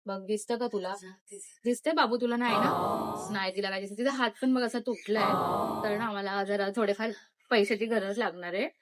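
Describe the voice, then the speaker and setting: A woman's voice: medium pitch, fairly even intonation, a little fast. A woman, talking straight to the camera in a playful mock-serious plea. She keeps turning aside to coax and boss a child next to her, sliding between pleading and scolding. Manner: coaxing and bossy, switching from pleading to scolding. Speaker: vlogger.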